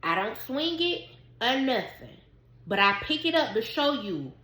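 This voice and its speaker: A woman telling a personal story to her viewers in a casual, animated and emphatic way. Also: on the high side, a little slow, roomy sound. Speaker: vlogger.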